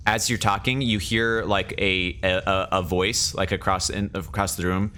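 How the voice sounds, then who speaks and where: A man improvising tabletop game narration as game master, casual and halting, often repeating phrases as he goes. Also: low voice, little pitch movement, sharp tone, clean tone.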